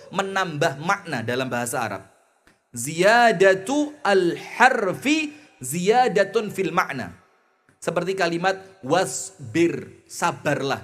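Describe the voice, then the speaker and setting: A man with a Javanese accent preaching a lively sermon, chanting Arabic phrases slowly and then explaining them in a chatty, folksy way, swinging between loud emphasis and soft asides. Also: high voice. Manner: folksy, mixes in homely jokes. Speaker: Islamic preacher.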